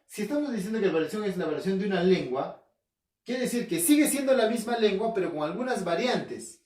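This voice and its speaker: This recorded home-learning class comes from a male language teacher from Peru, whose Arequipa-accented voice is high, expressive, brisk, and a little mellow. He answers his own questions, repeats key terms, and checks in with listeners, all in an echoey room far from the microphone.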